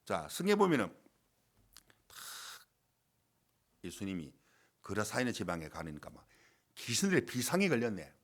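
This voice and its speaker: A man's voice: fairly low pitch, wildly swooping pitch, normal speed, long pauses. A male pastor preaching a sermon at a church service, fervent and full of rhetorical questions.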